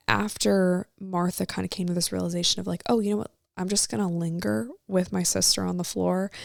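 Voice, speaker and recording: Chatty young woman with heavy vocal fry. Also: medium pitch, no room sound, clean studio sound. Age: 20s. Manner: chatty and reflective, full of "like" and rhetorical questions. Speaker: podcast host. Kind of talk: casual devotional podcast talk.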